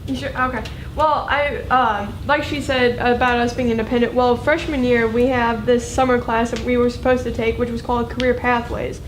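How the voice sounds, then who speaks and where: An American woman in her late teens gives informal comment as a student. Her voice is fairly high and flat in intonation, with halting, conversational phrasing over a faint rumble. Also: low-quality recording. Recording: faint rumbling background noise.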